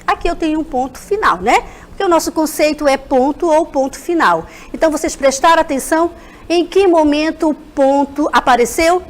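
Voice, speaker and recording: Here a Brazilian woman teaches a lesson broadcast on TV, speaking directly to the kids with lots of animation. She talks briskly in a high-pitched voice.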